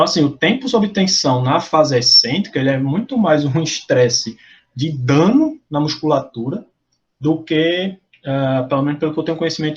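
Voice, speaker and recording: Brazilian-accented male lecturer, halting explanatory delivery, muffled lo-fi call audio. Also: a little high. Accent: Brazilian Portuguese. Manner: explanatory, frequent fillers and self-corrections. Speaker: lab meeting presenter. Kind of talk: academic lecture with discussion.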